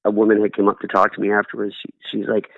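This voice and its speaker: Telling stories with acted-out quotes, this middle-aged Canadian interview guest speaks earnestly in a low, monotone, creaky voice at a fast clip. The line sounds dry and tinny, like a phone.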